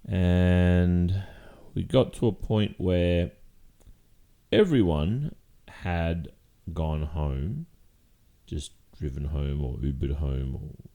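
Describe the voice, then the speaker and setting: A man playing a guilty boyfriend in an ASMR role-play, speaking haltingly and carefully with long pauses. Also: low-pitched, creaky, mellow, full character voice. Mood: halting, uneasy. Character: hesitant guilty boyfriend confessing, soft and careful.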